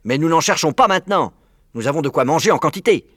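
A man's voice: a little high, lively intonation, quick pace, a bit bright, no room sound, studio quality, voice pushed up. A man voicing a clever, hungry fox father who speaks slyly and with command. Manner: sly, commanding.

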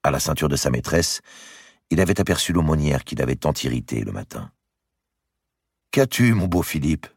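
Un homme qui lit un roman historique en livre audio, avec une narration expressive. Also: male voice, very deep voice, brisk, gravelly, slightly rough, no echo, studio quality. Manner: expressive storytelling. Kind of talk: audiobook reading.

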